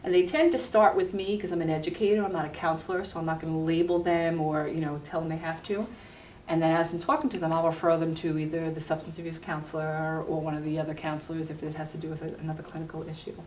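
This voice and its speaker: Speaking fast and flatly in a low, slightly mellow voice, a middle-aged university health educator appears as a guest in a conversational interview. She earnestly describes her work during a cable TV recording in an echoey room, picked up by a distant mic with faint noise.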